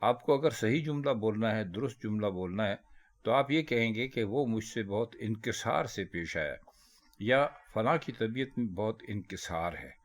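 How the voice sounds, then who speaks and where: A man's voice: fairly low pitch, expressive. Man carefully teaching pronunciation. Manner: careful, deliberate explanation of correct word forms. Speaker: Urdu language teacher. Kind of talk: pronunciation lesson.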